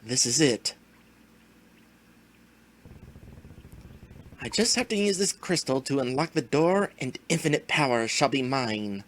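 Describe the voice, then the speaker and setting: A man voicing a scheming, power-hungry game villain in a slow, theatrical, menacing manner. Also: mid-range voice, lively intonation, a bit bright, lightly acted. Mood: solemn resolve. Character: scheming megalomaniac male villain seeking forbidden power. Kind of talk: dramatic reading of RPG game dialogue.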